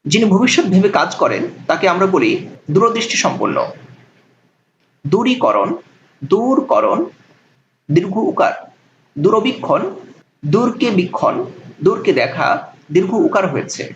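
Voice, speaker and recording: Lively high-voiced male lecturer teaching. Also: measured pace, long pauses, muffled recording, a little hiss or hum. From Bangladesh. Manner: explains rules step by step with examples. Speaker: college Bangla lecturer. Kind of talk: recorded spelling lesson to students.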